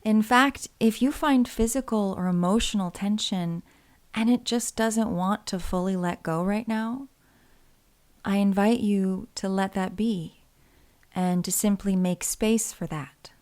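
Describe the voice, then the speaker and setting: Leading a body scan meditation, this woman speaks at a medium pitch in a gentle, calm, unhurried manner, pausing between her phrases.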